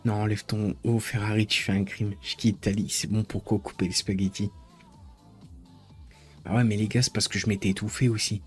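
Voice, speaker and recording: A man's voice: lowish voice, little pitch movement, brisk, faint music behind. A man chatting casually with his live-stream viewers, rambling and joking as he teases the chat.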